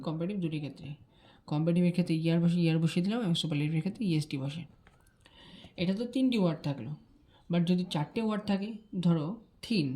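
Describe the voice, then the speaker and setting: Brisk woman teaching grammar. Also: fairly low pitch, warm tone. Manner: brisk, repeats key terms, checks understanding with the listener. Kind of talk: explaining grammar rules to students.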